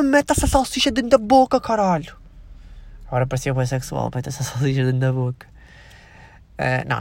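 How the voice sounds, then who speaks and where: A man's voice: on the high side, no room sound. A man in his twenties with a European Portuguese accent, talking frankly in a rambling, profane, casual monologue. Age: 20s. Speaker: vlogger.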